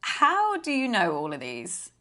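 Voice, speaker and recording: A woman's voice: medium pitch, huge pitch swings, measured pace, bright, forceful tone, full character voice. An actress playing a hesitant, slightly apologetic young woman. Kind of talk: video game dialogue.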